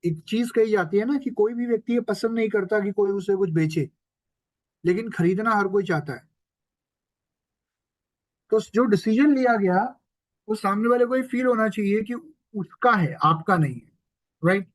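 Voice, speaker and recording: A man's voice: high voice, moderate pace, pauses often, dry recording. A man giving a sales training lecture, explaining step by step, mixing in English terms and often checking in with his listeners. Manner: mixes English terms into Hindi.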